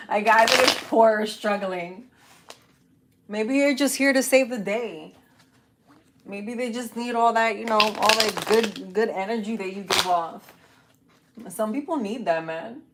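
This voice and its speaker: A woman's voice: mid-range voice, measured pace, very noisy. A woman giving a casual live-stream tarot reading, chatty and informal, swearing and laughing easily as she talks from her home setup. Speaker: tarot reader. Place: home setup, newly moved.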